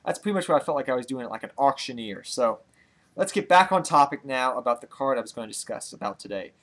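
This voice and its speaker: A young man hosting a card-game channel, out of breath and talking in a rambling, excitable way that repeats itself. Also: mid-range voice, fast. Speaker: channel host. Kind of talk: casual card-game vlog.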